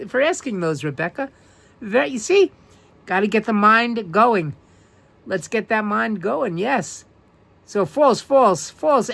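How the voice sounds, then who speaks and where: A man with a New York accent hosts a casual livestream, reading trivia questions out loud and answering viewers by name in a relaxed, chatty way. His voice is high-pitched and creaky.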